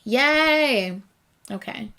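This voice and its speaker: Her voice is on the high side, pushed and bright, with lively intonation and drawn-out words. She is a young reaction channel host on a late-night livestream, chatting casually, laughing frequently, and gradually losing her voice.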